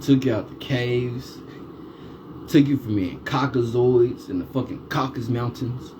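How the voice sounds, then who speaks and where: Man ranting over steady noise. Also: mid-range voice, a little slow. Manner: heavy swearing, repeated rhetorical questions. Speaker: vlogger. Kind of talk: ranting monologue.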